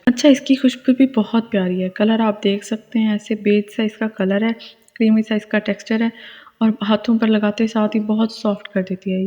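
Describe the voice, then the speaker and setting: A woman's voice: fairly high pitch, warm tone. A woman, casually and enthusiastically reviewing skincare products and laughing at herself. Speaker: beauty vlogger reviewing moisturizers. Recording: lo-fi with long reverb.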